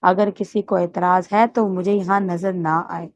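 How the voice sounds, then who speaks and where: A woman's voice: lowish voice, steady tone, natural voice. A woman voicing a stern, loving old grandfather who heads the family, with a commanding manner in a dull, muffled recording. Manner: commanding, scolding, then tender.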